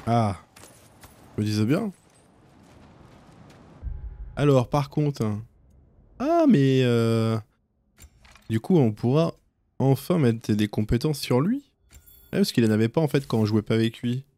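A man comments on a video game as he plays. His voice is mellow and mid-pitched, and he thinks aloud in a relaxed, casual way. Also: a little slow, pauses often, no echo. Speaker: gaming video host. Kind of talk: casual let's play commentary.

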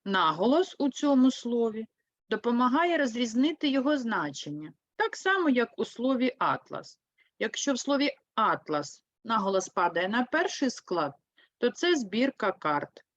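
Casting: Ukrainian woman teacher, animated pitch, dry and slightly dull sound. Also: dry recording. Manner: slow, clear, explains with lively emphasis. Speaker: primary school teacher. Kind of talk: online lesson for third graders.

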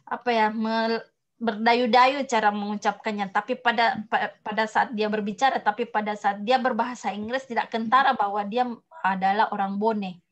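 A woman lecturer answering a student's question in a casual academic talk, pausing often with fillers and restarts, and giving spoken examples. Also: a little high, fairly even intonation, muffled recording. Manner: hesitant, many fillers and restarts; explains slowly with spoken examples.

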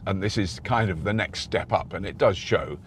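A man's voice: sits low, normal speed. A middle-aged man hosting a car review, talking casually while he drives, rambling and restarting his sentences. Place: inside a moving car. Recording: road noise in a moving car.

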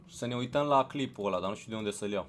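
A man's voice: fairly low pitch, a little hiss or hum. A man hosting a casual live stream, chatting with viewers, greeting them by name, repeating himself and urging them to hit like. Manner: chatty, greets viewers one by one, repeats phrases, pushes for likes.

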